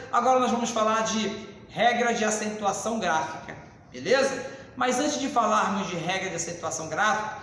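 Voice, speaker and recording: High-voiced male teacher in an echoey classroom. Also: a bit bright, a little hiss or hum. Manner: explains slowly at the board, addresses class as "senhores". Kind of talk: classroom grammar lesson. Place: classroom with a board.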